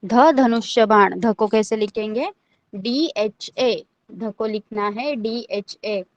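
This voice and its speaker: A woman's voice: a little high, slow, no echo, dull audio. A woman teaching an online language class, patiently repeating each letter and checking that everyone understands.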